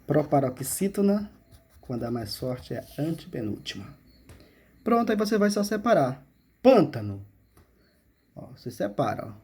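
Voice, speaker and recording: A man's voice: fairly high pitch, mellow, slightly rough. A male teacher, explaining a school exercise step by step and checking in with frequent questions. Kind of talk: remote classroom lesson.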